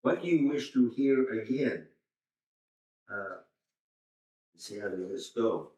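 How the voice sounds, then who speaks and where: An older man, a seminary professor, slowly reading and explaining scripture to a class. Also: lowish voice, expressive, a little mellow. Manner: slow, deliberate, pauses to explain Greek words. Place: church hall. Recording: roomy church hall, mic far off.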